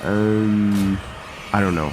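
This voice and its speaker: A man's voice: fairly low pitch, fairly even intonation, drawn-out words, background noise. A man giving casual let's-play commentary on a role-play game, thinking aloud in rambling, broken-off phrases. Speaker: gameplay host.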